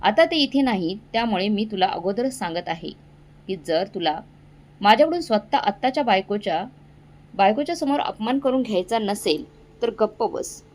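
A woman's voice: mid-range voice, lively intonation, normal speed, lightly acted. A woman voicing a stern older father who sharply scolds his grown son.

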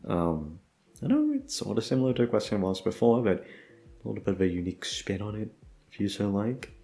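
Here's an audio roleplay creator, a young man, chatting off the cuff to his audience in a rambling, halting way with occasional curses. He speaks briskly and very animatedly in a fairly low, gravelly, warm voice.

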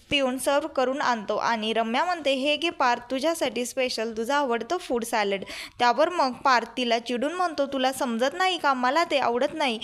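A young woman recaps an episode of a TV serial, moving through it scene by scene and quoting each character in turn. Her voice is high and bright. She narrates in a steady storytelling flow.

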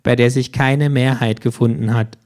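The narrator is a man with a steady, darkish mid-range voice near his everyday one, keeping a moderate pace. In an audiobook-style rules reading, he plays a talking kangaroo, cheeky and sardonic, who smugly lectures and mocks everyone.

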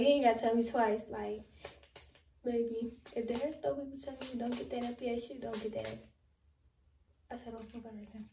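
A chatty young woman talks straight to her viewers, playful and slangy, her voice sitting a little high. She is filmed on a phone or camera propped at arm's length in a small bedroom, and the room gives back a noticeable echo. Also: dark tone, recorded from a distance, a little hiss or hum. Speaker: vlogger. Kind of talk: casual vlog chat.

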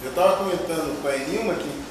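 A man's voice: fairly high pitch, fast talker. A man from São Paulo giving a loose, conversational talk as a guest lecturer in a large lecture hall. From São Paulo, Brazil. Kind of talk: lecture discussion. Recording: echoey hall, distant noisy mic.

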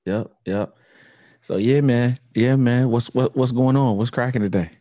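A man co-hosting a podcast in casual chat, relaxed and slangy, often dropping "you know what I'm saying.". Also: medium pitch, a little slow, no echo, studio quality. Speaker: podcast co-host.

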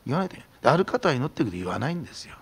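Middle-aged male pastor, fast and lively sermon delivery, gravelly and husky, whispering and shouting by turns. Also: mid-range voice. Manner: animated preaching, drops to a hushed whisper for emphasis, then shouts.

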